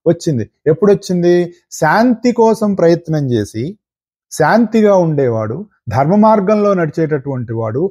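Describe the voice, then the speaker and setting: A spiritual teacher giving a discourse in an earnest, repetitive way, with rhetorical questions. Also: male voice, on the high side, big pitch swings, normal speed, mellow, breathy edge.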